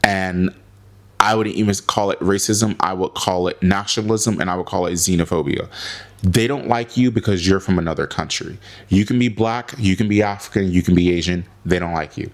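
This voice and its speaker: A man's voice: low-pitched, a little fast. An American man giving opinion commentary to camera in an emphatic way, repeating phrases for effect. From United States. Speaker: video host.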